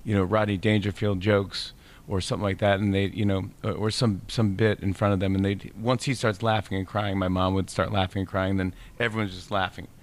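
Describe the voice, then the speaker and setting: A man on a podcast, telling a childhood story in an animated way and laughing often. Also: low-pitched, fairly quick. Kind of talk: casual chat.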